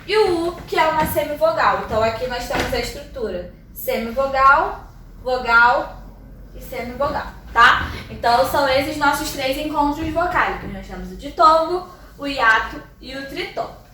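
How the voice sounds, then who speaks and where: A woman's voice: high-pitched, animated, moderate pace, pushed and bright, slight background noise. Brazilian woman, teacher, patient step-by-step explaining; recorded from a distance in a very echoey room. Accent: Brazilian Portuguese. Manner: explanatory, checks in with tags like "tá?" and "ok?". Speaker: Portuguese teacher. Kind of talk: classroom lesson. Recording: very echoey room, mic far off.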